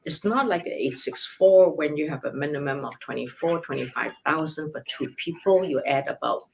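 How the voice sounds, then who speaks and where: A woman's voice: deep voice, normal speed, vocal fry, slight background noise, rough recording. An older woman, an immigration lawyer, answering questions live. She explains step by step in numbered points with worked examples, often restarting and correcting herself. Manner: frequent restarts and self-corrections.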